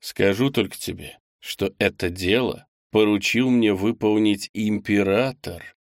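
A man voicing a confident male boss in an audiobook, giving brisk, assured orders. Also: lowish voice, no room sound, studio quality. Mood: commanding. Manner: assured, directive. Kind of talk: audiobook character voice.

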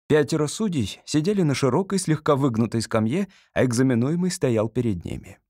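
A man narrating a comic science fiction audiobook, reading with lively expression. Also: medium pitch, brisk, no echo, studio quality. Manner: lively, animated reading with raised voices for characters.

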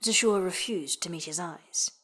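A woman reading a novel aloud as the narrator, in steady storytelling narration that drops low and hushed at phrase ends. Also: normal speed. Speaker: audiobook narrator. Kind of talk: scripted narration.

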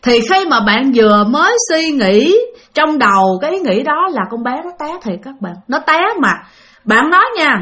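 A woman tells a spooky tale in a casual, chatty way and keeps addressing her listeners. Her voice sits on the higher side and moves through a very animated melody. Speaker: storyteller. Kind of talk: casual ghost-story narration.

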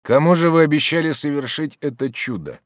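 Defiant wounded young nobleman, proud and shouting, voiced high and loud by a male narrator. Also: animated, a little fast, no echo, clean studio sound, lightly acted.

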